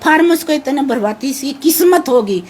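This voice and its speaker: An older woman, the mother of a missing man, gives an emotional interview about her son. Her naturally harsh-sounding voice sits high and expressive at a normal pace, slightly mellow, and she sounds anxious and pleading, repeating herself, with a little hiss or hum behind her.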